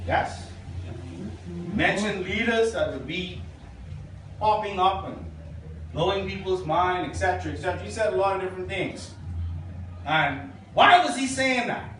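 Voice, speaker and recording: A Bahamian pastor preaching, reading out quotations and checking in with his listeners. His voice sits high. He is heard from far off in a big, echoing church hall with a faint hiss underneath. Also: lively intonation, unhurried, pauses often, fairly bright tone. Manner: preaching, reading quotations aloud, asking the congregation. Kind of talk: sermon.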